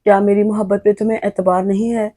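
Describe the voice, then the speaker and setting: A woman's voice: medium pitch, flat delivery, quick pace, dark tone, natural voice. A woman reading as a guilt-ridden young husband. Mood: coaxing.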